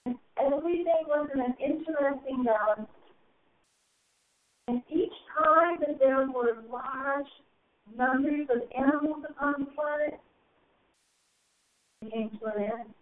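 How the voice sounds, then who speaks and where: A woman with a slightly high voice delivers a channeled spiritual message at a very slow, solemn pace, drawing out her phrases and letting them swell. She is heard through a tinny, narrow phone line. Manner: slow, solemn, drawn-out phrasing with soaring rises. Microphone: phone call.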